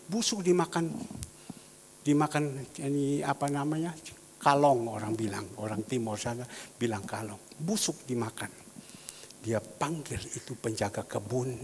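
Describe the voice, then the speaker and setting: A male pastor telling a story in a sermon, animated, dropping to hushed whispers and rising to loud exclamations. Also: on the high side, slightly rough. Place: church hall. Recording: reverberant church hall, faint background noise.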